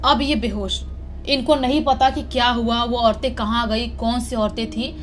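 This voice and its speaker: Woman horror narrator; dramatic, suspenseful, slightly high, soft music bed. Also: fairly even intonation, moderate pace. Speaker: horror storyteller. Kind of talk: told horror story narration.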